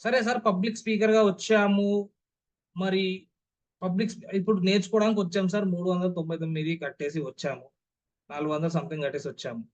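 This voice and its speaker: This young trainer, Telugu-accented and notably high-voiced, talks fast with fairly even intonation in a muffled recording. He lectures his online class with emphasis on key words, often posing rhetorical questions to confirm listeners are keeping up.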